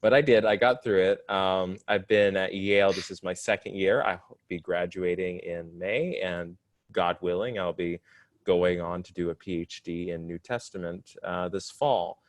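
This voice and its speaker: In a relaxed podcast interview, a divinity student in his twenties describes what he studies, mixing articulate explanation with some self-deprecating humor. He has a low-pitched voice at normal speed, recorded with no echo.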